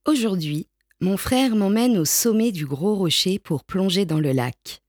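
A woman reading a children's picture book aloud in a slow, gentle storytelling manner. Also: mid-range voice, lively intonation, no echo, clean studio sound, soft background music. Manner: slow, gentle storytelling with lifted voices for the brother. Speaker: storybook reader.

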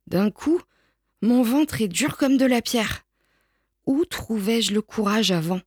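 Woman, storybook reading, slow gentle pace, dry close sound. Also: on the high side, lively intonation, slightly rough, dry recording. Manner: slow, gentle storytelling with lifted voices for the brother. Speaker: storybook reader. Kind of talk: children's book read aloud.

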